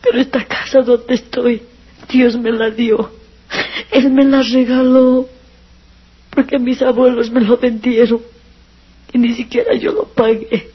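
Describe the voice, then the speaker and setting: A woman tells her personal religious testimony in an earnest, emotional way, sometimes close to tears. Her voice is very husky and breathy, set a little high, with a flat melody. The recording sounds dull and lo-fi. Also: a little slow, long pauses.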